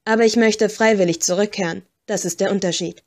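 A woman's voice: mid-range voice, steady tone, brisk, close to an everyday voice. Woman reading as a smug whispering skull ghost. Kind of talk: audiobook reading.

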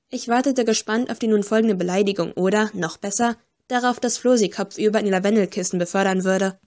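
A woman's voice: fairly high pitch, a little mellow. A woman giving scripted first-person audiobook narration in a dry, wry storytelling manner.

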